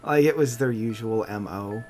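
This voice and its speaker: A man from Canada co-hosts a relaxed, casual podcast in a halting, unhurried way. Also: fairly low pitch, soft background music. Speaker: podcast co-host.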